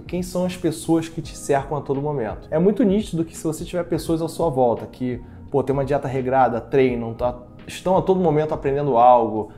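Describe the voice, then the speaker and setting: Um jovem brasileiro com sotaque brasileiro, apresentando um vídeo explicativo e falando direto com o espectador, em tom de conversa. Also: male voice, a little high, dark tone. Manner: conversational, speaks directly to viewer. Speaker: educational video host. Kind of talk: explanatory video talk.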